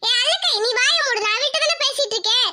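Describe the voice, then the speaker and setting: A woman's voice: extremely high pitch, lively intonation, fast, very noisy. A woman voicing an arrogant rich village girl in a cartoon, taunting and threatening her rival. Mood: scornful. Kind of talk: cartoon voice acting.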